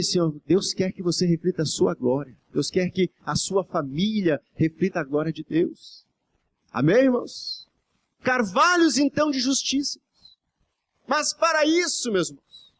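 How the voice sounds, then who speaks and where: A male pastor preaching with a strikingly high voice, far above most men. He exhorts the congregation fervently, pressing his questions and repeatedly calling on the brothers. It is a live sermon in church before the faithful. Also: expressive, normal speed. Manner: constantly addresses "brothers" and asks for amens.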